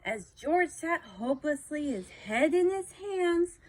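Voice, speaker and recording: A woman reading a children's picture book aloud, expressive and unhurried. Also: high voice, rough recording. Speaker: storybook reader.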